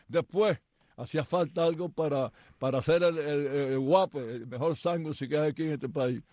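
A man's voice: a little high, normal speed, a little mellow, no room sound. An older man co-hosting a sports radio show, telling rambling anecdotes in casual banter from the studio. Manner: chatty storyteller, rambling anecdotes.

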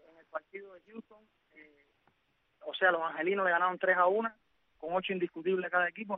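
A man's voice: sits high, dry recording. A man hosting on sports radio, going methodically through baseball results with frequent "eh" fillers. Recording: dry, phone-like narrow sound.

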